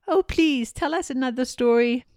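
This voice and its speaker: A woman's voice: high voice, normal speed, a little mellow, no room sound, studio quality, pitched above the performer's own voice. A woman voicing an eager, bouncy young squirrel in a storybook reading, in a pleading way. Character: bouncy thirteen-year-old squirrel, eager.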